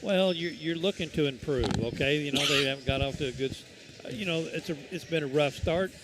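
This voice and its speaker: A man giving casual color commentary on a high school basketball game, rambling and folksy with many fillers and restarts. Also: fairly quick, loud music behind the voice.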